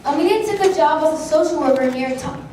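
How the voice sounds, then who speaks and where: A woman's voice: sits high, quick pace, warm tone. A woman reading scripted narration aloud for an amateur history play. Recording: very echoey hall, distant mic, faint noise.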